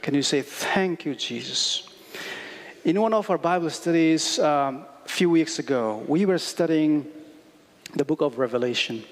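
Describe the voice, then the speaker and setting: A man in his thirties preaching a sermon in a church on a headset mic, earnest and slow, with many pauses and fillers and non-native English phrasing. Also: fairly high pitch, animated. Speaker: guest preacher. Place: church sanctuary, indoors. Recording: reverberant church hall.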